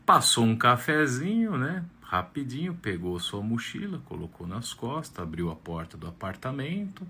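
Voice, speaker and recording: A man with a Brazilian Portuguese accent, a camp storyteller telling a tale aloud in an animated way with tag questions. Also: medium pitch, moderate pace, slight background noise. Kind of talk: oral storytelling.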